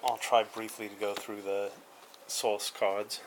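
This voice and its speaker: A man's voice: lowish voice, flat delivery, slow pace, noisy background. A man casually reviewing a card game, reading card names aloud with dry asides and chuckles.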